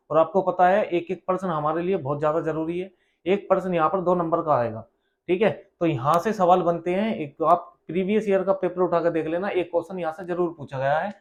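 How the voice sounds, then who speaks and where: A man teaching a grammar lesson for exam preparation, explaining with rhetorical questions and repeating key terms. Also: fairly high pitch. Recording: dull lo-fi sound.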